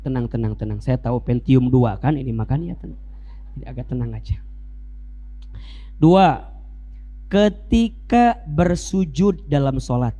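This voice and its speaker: A male Islamic preacher, giving a lively sermon full of rhetorical questions and joking asides. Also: mid-range voice, a little slow, pauses often.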